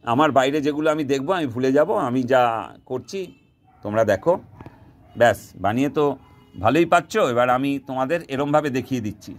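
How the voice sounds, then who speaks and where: A man's voice: medium pitch, fairly quick, soft background music. A man teaching viewers to make fishing bait in a casual vlog, recorded outdoors, talking in a repetitive, insistent way and sliding into broken Hindi. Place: outdoors, sky darkening before rain.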